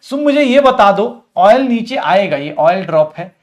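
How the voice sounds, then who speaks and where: A man in his thirties from India, teaching chemistry in an animated, joking, scolding way. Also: high-pitched, unhurried. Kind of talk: online chemistry lecture.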